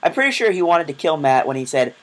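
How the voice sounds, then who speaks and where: A man's voice: on the high side, big pitch swings, slight background noise, low-quality recording. A young man narrating his travel vlog in a casual, self-deprecating storytelling voice-over. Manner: chatty, self-deprecating, quick asides. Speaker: vlogger.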